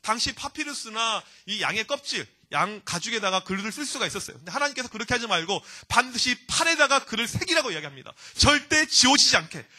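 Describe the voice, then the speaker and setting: Youth pastor guy preaching to teens, talks fast n high, playful asides. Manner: lively, teasing, acts out complaints in quick asides. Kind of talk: sermon to teenagers. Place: church hall.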